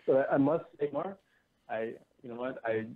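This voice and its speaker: A man's voice: mid-range voice, no room sound. Man on a tinny voice call. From Canada. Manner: halting, with many restarts and fillers. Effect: heard over a breaking-up voice call line. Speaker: caller. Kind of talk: casual phone-in conversation. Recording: tinny, dry voice call line.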